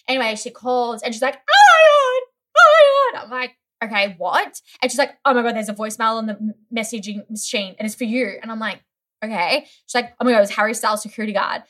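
A woman's voice: on the high side, quick pace. A young woman chatting casually as a guest, telling a story animatedly with lots of "like" and acted-out voices. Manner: animated storyteller, many "like"s, acts out others' voices. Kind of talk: casual chat.

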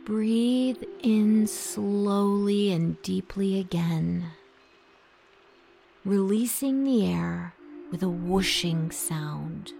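A woman guiding a relaxation meditation in a soft, soothing voice that drops into a half-whisper. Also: mid-range voice, extremely slow, vocal fry. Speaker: meditation guide. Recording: soft music behind the voice.

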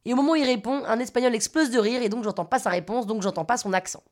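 A woman's voice: a little high, fast talker, a little mellow. Wry Parisian woman telling her story. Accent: Parisian French. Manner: wry, self-mocking, conversational. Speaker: podcast storyteller. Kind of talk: scripted personal narration.

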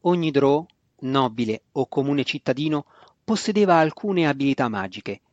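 A man reading a fantasy novel aloud in a steady, measured scripted narration. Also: mid-range voice, dry recording. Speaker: audiobook narrator. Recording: dry, slightly dull lo-fi recording.

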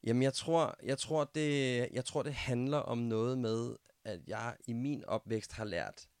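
A man's voice: mid-range voice, clean tone, dry recording. A man hosting a podcast interview, speaking hesitantly and searching for his words with many fillers. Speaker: podcast host. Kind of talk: conversational interview.

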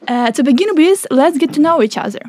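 A young woman from Ukraine hosting a podcast in a studio, asking clear, friendly questions. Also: high-pitched, lively intonation, fast talker, a little mellow. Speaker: podcast host. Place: small studio.

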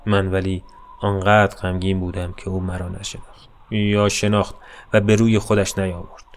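Low, flat-voiced male storyteller. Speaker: narrator. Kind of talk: scripted narration of a short story.

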